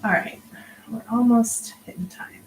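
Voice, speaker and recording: This crafting vlogger's fairly high voice is creaky and a little slow, buried in heavy background noise. In her thirties and clearly tired, she yawns as she chats during a livestream, dropping to a near-whisper whenever she counts stitches.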